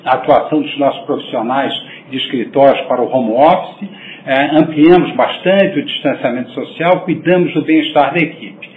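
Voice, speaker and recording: Brazilian male executive, formal results briefing, measured and halting, thin roomy phone audio with faint noise. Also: fairly high pitch. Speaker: company president. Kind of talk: corporate results presentation. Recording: noisy, echoey phone-line audio.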